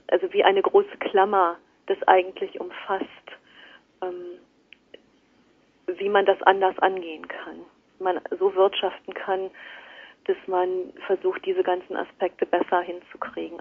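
A woman's voice: fairly low pitch, flat delivery, unhurried, husky. A woman speaking as a guest in a radio interview, thoughtful and hesitant with many fillers, heard over a phone line. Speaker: guest, works at a financial institution. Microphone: telephone.

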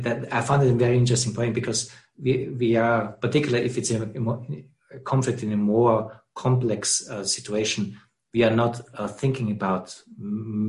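A man's voice: lowish voice, darkish tone, reverberant. A man interviewing, asking questions hesitantly and searching for his words.

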